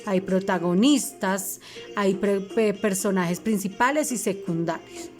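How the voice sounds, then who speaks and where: A woman's voice: mid-range voice, measured pace, a little mellow, soft background music. A woman teacher, giving a recorded lesson to fifth graders and patiently spelling out each instruction. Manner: patient, reminding, spells things out for children.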